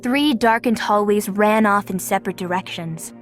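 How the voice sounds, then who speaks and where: A woman reading a children's fantasy novel aloud as the narrator, in a lively way and voicing each character. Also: medium pitch, normal speed, soft background music. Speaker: audiobook narrator. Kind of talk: scripted narration.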